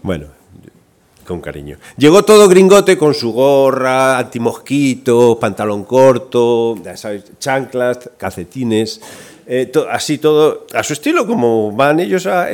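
A man with a Spain Spanish accent preaching a sermon, telling a story and acting out its voices with energy. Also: mid-range voice. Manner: lively, acts out the voices in his story.

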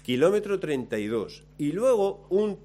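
A man telling a lively, self-mocking story about himself, acting out his own lines along the way. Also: high voice, measured pace. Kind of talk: anecdote told to listeners.

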